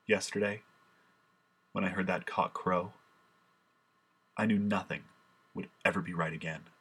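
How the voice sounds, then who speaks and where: A man's voice: sits low, fairly even intonation, a little slow, fairly bright tone, husky, full character voice. A man performing a solemn, impassioned first-person monologue as a grieving, remorseful apostle. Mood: sorrowful.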